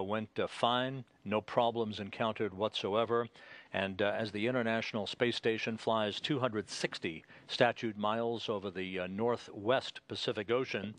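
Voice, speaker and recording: A man giving live spaceflight broadcast commentary as a mission control commentator, in a measured, halting official delivery. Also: fairly low pitch, a bit bright, dry recording.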